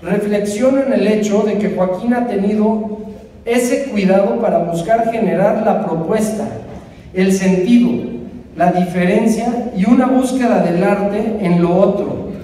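A man's voice: sits high, unhurried, warm tone. A man at a book launch reading a lyrical, solemn tribute speech into a table microphone. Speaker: presenter of the book. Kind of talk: read poetic tribute speech. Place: book launch hall, indoors. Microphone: table microphone at the panel. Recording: distant, echoey hall with noise.

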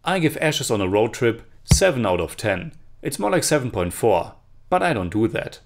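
A man's voice: medium pitch, sing-song, normal speed, gravelly, a little hiss or hum. Young man reviewing films. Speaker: film reviewer. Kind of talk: scripted video review. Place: small indoor room with shelves of film posters. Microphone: camera framed chest-up, mic not seen.

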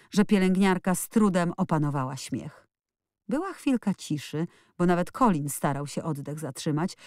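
Woman narrator, audiobook, low voice, dry close sound, expressive. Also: no echo. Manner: expressive storytelling. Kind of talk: scripted narration.

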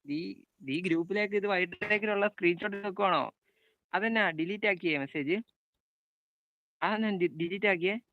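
A man's voice: high-pitched, moderate pace, pauses often, dry recording, phone-quality sound. A young man with a Malayali accent streaming a football video game live, calling out plays and greeting viewers by name. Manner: chatty, calls out passes and greets viewers by name.

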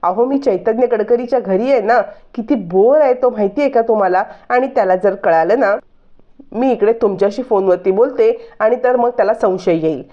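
A woman's voice: fairly high pitch, moderate pace, lightly acted. A woman voicing a scheming young woman who speaks in a determined, conspiratorial way, on dull lo-fi audio. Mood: annoyed.

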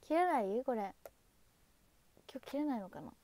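A woman's voice: on the high side, big pitch swings, normal speed, mellow. A young woman chatting casually on a livestream, thanking viewers by name and saying goodnight. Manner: chatty, reads viewer names and thanks them, waves goodbye. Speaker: idol livestreamer.

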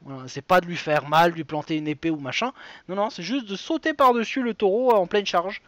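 A man's voice: high-pitched, a little fast, fairly bright tone, dry recording. A man hosting a live web quiz show, chatty and digressive, reading questions and wandering into side stories with many fillers.

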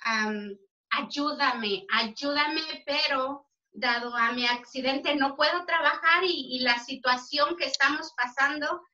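A woman giving a halting, emotional personal testimony, with frequent pauses and fillers. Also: sits high, pushed and bright. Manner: earnest and emotional. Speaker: member sharing a personal story. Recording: distant, muffled lo-fi recording.

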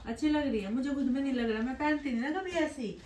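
A middle-aged woman with a high, slightly mellow voice talks fast as she vlogs, holding a phone at arm's length. She chats casually to the camera and her family while moving through small rooms at home and sitting in a car.

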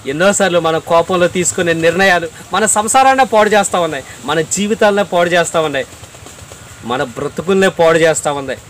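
Earnest preacher man, high voice. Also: a little fast, a bit bright, a little hiss or hum. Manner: earnest, repeats phrases for emphasis, addresses listener directly.

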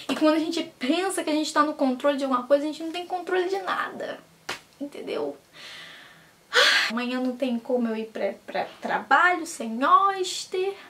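Vlogger, young woman, high voice, teary and stressed, cursing rants, faint hiss behind. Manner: upset, swearing, expressive outbursts. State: tearful and stressed. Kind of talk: emotional venting vlog. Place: at home, indoors.

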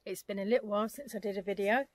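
A woman's voice: mid-range voice, very fast, dry recording. A middle-aged woman chatting casually to camera as a vlogger, rambling conversationally and adding tag questions. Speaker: gardening vlogger. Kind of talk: casual catch-up chat to camera.

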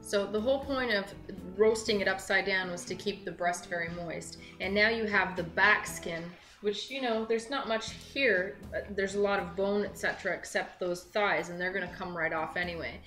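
A woman's voice: medium pitch, moderate pace, few pauses, bright, forceful tone. A young woman hosting a home cooking show, chatting upbeat and casual as she works at the counter of a large kitchen. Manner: chatty, upbeat, talks while working with her hands. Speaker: web cooking show host. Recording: echoey kitchen with light background music.

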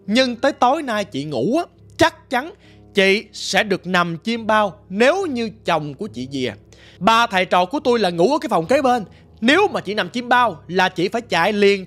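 A man voicing a young disciple of an exorcist, calmly giving instructions. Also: sits high, heavily acted. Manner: reassuring, instructive.

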